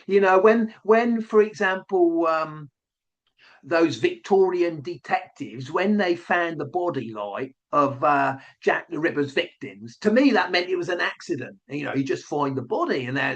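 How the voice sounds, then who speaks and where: A hesitant, rambling woman with a put-on Essex accent, mocked by a man. She stumbles through fillers and swings her voice up and down. Her tone sits fairly high. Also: a bit bright, full character voice.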